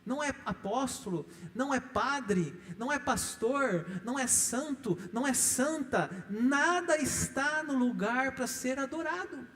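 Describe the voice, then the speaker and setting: A middle-aged man with a Brazilian Portuguese accent preaches a sermon in a fairly high voice. He stresses his points with rising, repeated lists. His voice carries a long reverb through a church hall. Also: lively intonation, measured pace, few pauses, fairly bright tone. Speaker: pastor. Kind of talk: sermon teaching.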